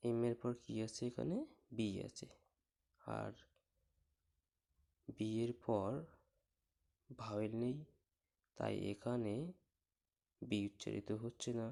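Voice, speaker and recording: A man teaching English pronunciation rules in a slow step-by-step lesson, spelling words out letter by letter and patiently asking and answering his own questions. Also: lowish voice, flat delivery, vocal fry, warm tone.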